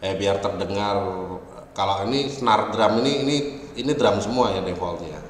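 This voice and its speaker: A man giving an online lecture on music software, explaining slowly and often ending phrases with a checking "ya". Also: fairly low pitch. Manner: explains slowly, with frequent "ya" tags. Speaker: university lecturer. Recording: echoey, reverberant room, faint ambient noise.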